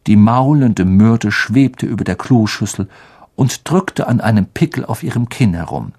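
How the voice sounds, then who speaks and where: A narrator reading a children's novel aloud with expressive storytelling. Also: medium pitch, a little slow, slightly rough. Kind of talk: audiobook narration.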